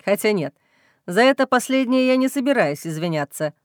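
A woman voicing a young male werewolf alpha, intense and tender, in a lowered, hushed voice for an audiobook. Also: expressive, normal speed, dry recording, studio quality, natural voice. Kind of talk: audiobook reading.

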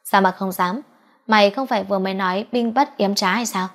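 A woman's voice: mid-range voice, a little fast, fairly bright tone, lightly acted. A woman reading the lines of a mocking, hot-tempered man around thirty in an audiobook, with teasing, exasperated outbursts. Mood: indignant.

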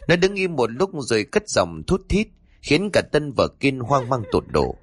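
Man telling a lively horror story. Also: mid-range voice, moderate pace, a little hiss or hum. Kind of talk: scripted horror narration.

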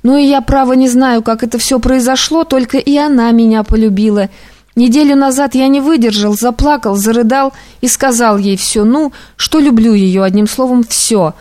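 A woman's voice: on the high side, mellow, lightly acted. A woman voicing an overjoyed anxious young clerk. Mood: tender. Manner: emotional, rushing, pleading.

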